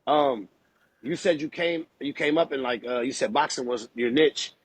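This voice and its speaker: A man's voice: medium pitch, normal speed, breathy edge, dry recording, low-quality recording. A man hosting a casual chat, asking questions in laid-back, slangy, hyped-up talk. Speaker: podcast host interviewer.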